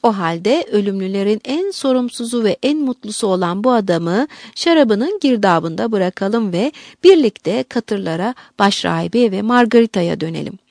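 A woman reads an audiobook in a measured yet expressive way. Her voice is mid-range, and the studio sound is clean with no echo.

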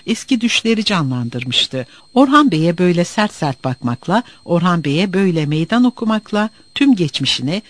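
Expressive male audiobook narrator. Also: high voice, no echo. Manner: expressive storytelling.

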